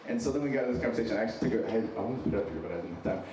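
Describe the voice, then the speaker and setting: Racing along in a lowish voice, a man in his thirties preaches to an audience in a casual, earnest, self-deprecating style, repeating phrases for emphasis. He's American, born in San Diego and raised in Wyoming, with a slight Minnesotan flavor to his accent. A far-off mic records him in a large, very echoey and noisy hall.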